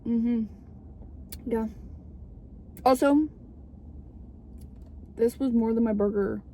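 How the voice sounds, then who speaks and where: In a casual vlog shot inside a car, a young woman talks candidly and a bit theatrically, swearing plenty. Her voice is a little high and warm, and she takes her time. Car noise hums in the background.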